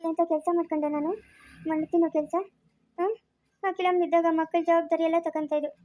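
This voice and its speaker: A woman's voice: extremely high pitch, level tone, fast talker, dull audio, noisy background. A woman playing a mother in a family moral drama, scolding and coaxing her children. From Karnataka, India.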